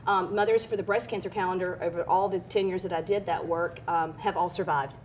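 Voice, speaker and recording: A woman's voice: fairly even intonation, a little fast, darkish tone, low-quality recording. A middle-aged woman speaking as an interview guest, telling personal stories in an earnest, candid, conversational way. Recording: clear background noise with low rumble.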